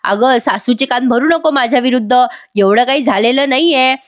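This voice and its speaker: A woman voicing a bossy older grandmother who shouts and dismisses her daughter-in-law. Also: high-pitched, moderate pace, no room sound, clean studio sound, close to an everyday voice. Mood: scolding.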